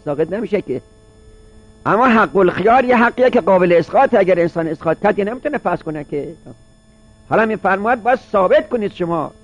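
A man with a strikingly high voice teaches a seminary class, reading out lines of a classical legal text and then unpacking them in relaxed everyday speech. He often repeats a point in several ways to drive it home. The recording is dull and lo-fi. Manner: reads Arabic text aloud, then explains it in colloquial speech.

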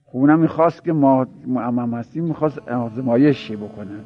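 A man teaching an informal seminary lecture, explaining points in a conversational way with repeated examples and chuckling anecdotes, on a dull lo-fi recording. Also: mid-range voice. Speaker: religious teacher.

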